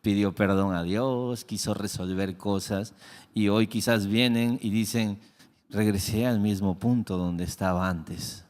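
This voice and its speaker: A middle-aged man preaching a sermon as pastor, telling a family story, acting out the dialogue and dropping into soft, reflective tones. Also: fairly low pitch, fairly even intonation, a little slow. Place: church sanctuary. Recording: long hall reverb.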